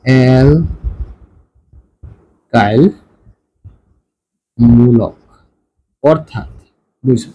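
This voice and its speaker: A male teacher explains chemistry in a warm, relaxed voice. He keeps asking his students whether they follow along and slips English words into his teaching. A faint hum of room noise sits behind him. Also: medium pitch, poor audio. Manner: asks students frequent check questions; mixes English terms into speech. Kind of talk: classroom lecture.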